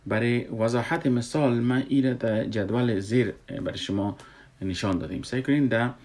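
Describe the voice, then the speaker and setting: A man's voice: mid-range voice, a little mellow. A man teaching recitation rules patiently, repeating himself and asking rhetorical questions. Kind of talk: explaining a lesson.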